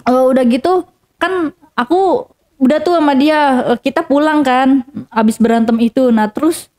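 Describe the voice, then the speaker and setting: Young woman, mellow and fairly high voice, rambling casual storytelling, lots of fillers. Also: normal speed. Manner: rambling, many fillers and restarts, addresses listener as Kak. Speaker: interviewee telling her story.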